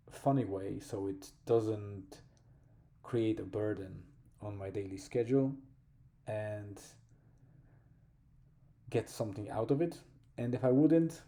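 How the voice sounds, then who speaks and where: In a personal vlog, a man with a Polish accent speaks in a low, very dark, mellow voice. He talks slowly and thoughtfully, often pausing to search for the right word. His delivery remains calm and reflective from start to finish.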